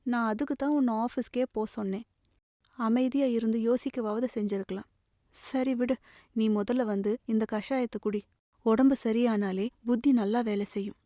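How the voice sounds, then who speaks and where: A woman's voice: fairly high pitch, fairly even intonation, moderate pace, dark tone, no room sound, clean studio sound, lightly acted. A woman reading the part of a young man, a tender, protective elder brother pleading earnestly. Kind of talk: audiobook novel reading.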